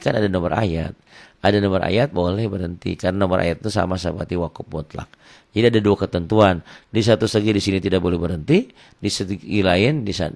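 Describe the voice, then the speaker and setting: Gravelly low-voiced man teaching. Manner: explains rules plainly, then chants verses slowly and loudly. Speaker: Quran recitation teacher. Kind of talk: online tajwid lesson.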